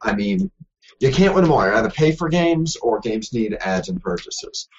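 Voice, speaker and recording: Male co-host, husky voice, joking and self-deprecating, muffled lo-fi recording. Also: medium pitch, big pitch swings, normal speed. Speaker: podcast co-host. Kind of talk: casual news chat. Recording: dull lo-fi podcast audio.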